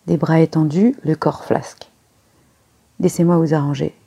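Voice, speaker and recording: A reader putting on a fussy little male detective, precise and pleased with his own jokes, in a storybook reading. The voice is gravelly and dark, with a husky edge. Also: medium pitch, fairly even intonation, normal speed. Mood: coaxing.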